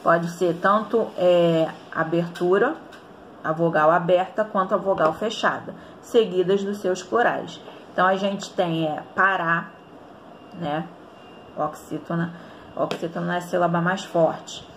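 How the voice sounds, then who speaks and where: A woman's voice: fairly low pitch, fairly even intonation, a little slow, slight background noise. A woman with a Brazilian Portuguese accent teaching an online grammar lesson, explaining step by step and often checking in with the students.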